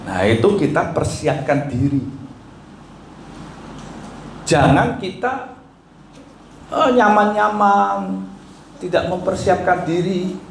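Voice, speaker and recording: A man's voice: sits high, animated, takes it slowly, gravelly, pauses often, slight background noise. A male pastor preaching a sermon, urging listeners with rhetorical questions and rising, emphatic lines. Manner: exhorting, asks the congregation rhetorical questions. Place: church hall. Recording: echoey hall, mic from far off.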